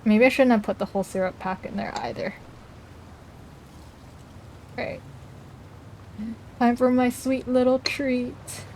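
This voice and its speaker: Chatty woman streamer, a bit high. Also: unhurried, pauses often, a little mellow, slight background noise. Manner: chatty, reacts to chat messages aloud, talks while eating. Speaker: livestreamer. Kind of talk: casual stream chat.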